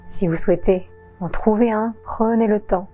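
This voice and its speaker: A woman yoga teacher guiding a relaxation session in a calm, soothing voice-over with long pauses. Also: medium pitch, faint music behind. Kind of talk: guided relaxation narration.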